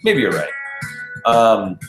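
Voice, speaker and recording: Male podcast host, casual and rambling with frequent chuckles, lively up-and-down delivery, roomy echo from an empty basement. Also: fairly low pitch, slow, music in the background. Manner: relaxed, rambling, chuckles often. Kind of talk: casual chat. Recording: echoey empty basement room.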